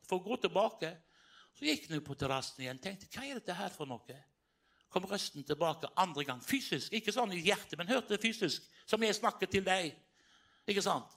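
Male preacher, high voice, fervent storyteller, sermon in a meeting hall. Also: vocal fry. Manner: animated, rising to fervent exclamations.

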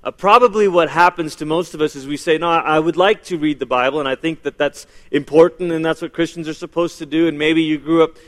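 A man's voice: a little high, quick pace, few pauses, fairly bright tone, big-room sound. A man in his thirties from Malaysia, giving a chatty church teaching as guest speaker and joking with the audience. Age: 30s.

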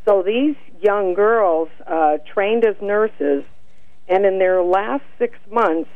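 A woman calling in on a speakerphone over a phone line, explaining earnestly and pausing on fillers. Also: mid-range voice, no echo. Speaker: caller, director of a nurses' group. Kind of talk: radio call-in.

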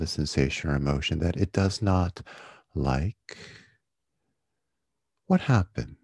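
A man leading a guided meditation in a soothing, gentle, unhurried manner, like a yoga teacher. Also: sits low, no echo, clean studio sound. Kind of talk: guided body-scan meditation.

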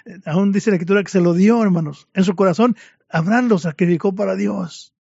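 A man's voice: high-pitched, brisk, creaky, dark tone, husky, no echo. A man preaching a fervent sermon to his congregation, addressing them again and again as brothers, in a dull lo-fi recording.

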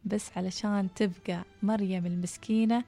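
A woman with a Gulf Arabic accent narrating a true-life story, reading it aloud with a calm, even delivery. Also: medium pitch, normal speed. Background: soft background music.

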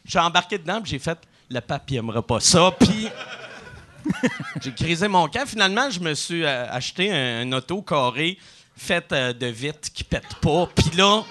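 A man's voice: fairly high pitch, lively intonation, moderate pace, pushed and bright, slight background noise. A man with a Québécois accent hosting a podcast, doing a crude, joking sponsor read and laughing often. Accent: Québécois French. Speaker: podcast host. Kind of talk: casual sponsor read with jokes.

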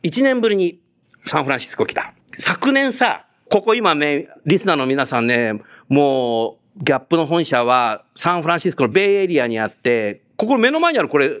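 A man's voice: on the high side, normal speed. A man hosting an on-location interview in a casual, chatty way, telling stories and nodding along to his guest. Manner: chatty, animated storyteller, frequent nods. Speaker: host.

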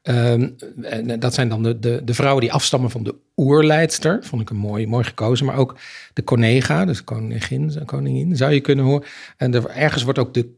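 A man hosting a relaxed book discussion, thinking aloud and retelling the story at length. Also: mid-range voice, brisk, gravelly, slightly rough. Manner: thoughtful, retells plot at length.

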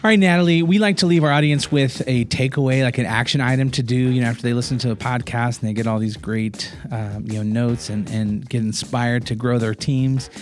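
A man's voice: medium pitch, steady tone, fairly quick, hardly any pauses. A man hosting a podcast who asks his guest friendly closing questions and wraps up the show in an upbeat way. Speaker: podcast host.

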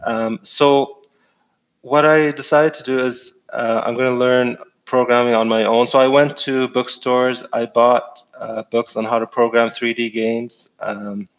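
A middle-aged Egyptian man speaks as a guest in a casual interview, relaxed and full of fillers and restarts. His voice is medium-pitched and a little slow, and the recording is rough.

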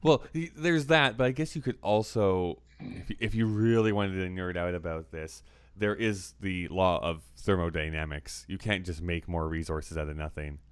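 Man, very deep voice, smooth resonant tone, casual movie chat, earnest, analytical. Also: normal speed. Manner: earnest, analytical, with many "like" fillers. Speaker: podcast co-host.

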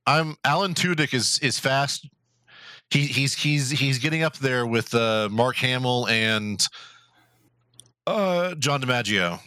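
A man's voice: mid-range voice, slow, pushed and bright, no room sound. A man co-hosting a podcast in casual chat, rambling and profane with many restarts. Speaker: podcast co-host.

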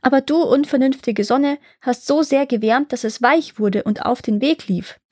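A woman's voice: high voice, normal speed, darkish tone, no echo, studio quality, pitched above the performer's own voice. A woman playing a poor, pleading peasant father. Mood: plaintive. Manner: pleading and plaintive.

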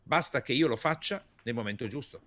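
A man with a mid-pitched voice speaks as a coach on a podcast. His delivery is emphatic and energetic. He drives points home with repetition and rhetorical questions. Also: a little fast, no echo. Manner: emphatic, animated delivery with repeated key words and rhetorical questions; gestures while speaking, energetic. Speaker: communication coach, podcast guest. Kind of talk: conversational explanation on a podcast.

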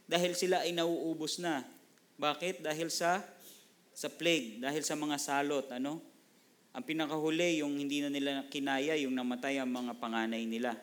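A man's voice: a little high, fairly even intonation, moderate pace, a bit bright. A middle-aged man from the Philippines preaching a Bible sermon in a conversational way, often checking in with "no?" and slipping into English phrases. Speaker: pastor.

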